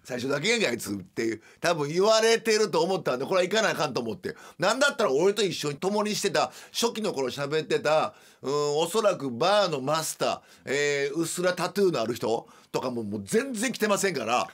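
A middle-aged man with a Kansai accent, hosting a radio show and telling a story in a chatty, animated, self-mocking way. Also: a little high, fairly quick, few pauses. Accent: Kansai Japanese. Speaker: radio host. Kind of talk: casual storytelling monologue.

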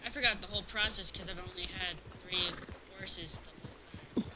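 A woman's voice: on the low side, fairly even intonation, normal speed. A young woman streaming a game, chatting casually, swearing and talking to her horse. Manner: laid-back, swears, talks to her horse. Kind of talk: casual gaming chat. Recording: noisy stream audio.

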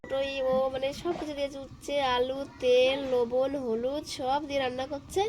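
A young woman narrates her home vlog in a chatty, rambling way, full of little fillers. Her voice is hoarse and cracks, sitting a touch high but with a soft, dark tone. It is a casual voice-over she recorded afterward. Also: little pitch movement, moderate pace, slight background noise. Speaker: vlogger.

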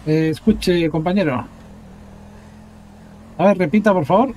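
A man's voice comes through a phone line, pitched high for a man and loud. He talks in a guarded, suspicious way, with a faint hiss of noise behind him. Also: unhurried. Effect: heard through a phone line. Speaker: prank call target. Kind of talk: phone call.

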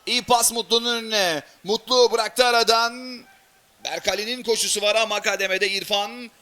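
Male football commentator. Very high, bright voice, excitable live play-by-play that breaks into screaming at big moments. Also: normal speed. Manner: shouts and screams at goals and chances.

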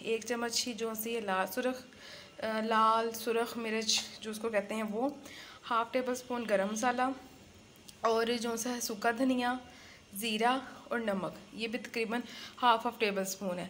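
A cooking channel host walks viewers through a recipe in an unhurried, chatty way, repeating words and saying an Islamic blessing before each step. Her voice is fairly high, recorded on a phone in her home kitchen with a faint room hum behind it.

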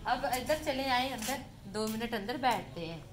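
A woman's voice: a little high, normal speed, background noise. A woman from Pakistan filming a casual home vlog on her phone, rambling to viewers in one breath and saying "theek hai" again and again. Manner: chatty, says "theek hai" constantly. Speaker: vlogger. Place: home, in and out of doors. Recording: echoey room with faint ambience.

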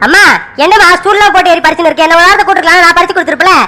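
A woman's voice: very high-pitched, fairly even intonation, racing, sharp tone. A woman voicing an upset young man who complains to his mother and keeps repeating himself in a village family cartoon. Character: young man, upset son, insistent and frustrated. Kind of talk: animated cartoon serial voice.

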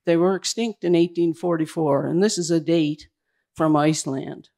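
A man giving a slide presentation at a public event indoors, talking in a hurried, halting way that keeps restarting its phrases. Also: fairly high pitch, gravelly, dark tone. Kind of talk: slide presentation to a live audience.

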